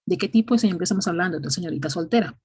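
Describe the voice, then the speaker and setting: A woman's voice: lowish voice, rapid-fire, darkish tone, slightly rough. A woman teaching an English grammar class, explaining patiently step by step and often checking in with "ok?".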